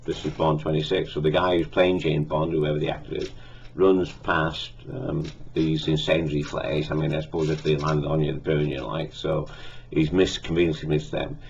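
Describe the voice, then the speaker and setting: A man giving a casual spoken film review, halting with many fillers and self-corrections. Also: rumbling low, level tone, vocal fry, muffled recording, slight background noise.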